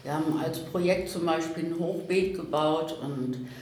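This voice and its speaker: A woman in her sixties, a resident speaking calmly and kindly in a group conversation. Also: sits low, moderate pace, a little hiss or hum. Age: 60s. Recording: echoey room with faint ambience.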